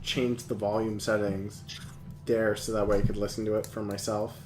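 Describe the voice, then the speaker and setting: A man's voice: fairly low pitch, flat delivery, normal speed, music in the background. A man hosting a live model-building stream, chatting casually, rambling and giggling. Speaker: streamer and host. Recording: echoey room.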